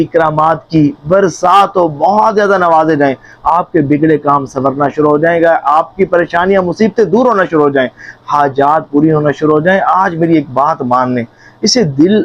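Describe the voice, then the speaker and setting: A man's voice: fairly high pitch, no room sound, dull audio. A man preaching earnestly to viewers as a religious speaker, repeating phrases for emphasis.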